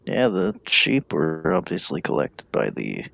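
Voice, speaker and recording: A man's voice: very deep voice, huge pitch swings, a little slow, creaky, a bit bright, dry recording. A man chatting casually as a player in a tabletop game. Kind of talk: casual chat.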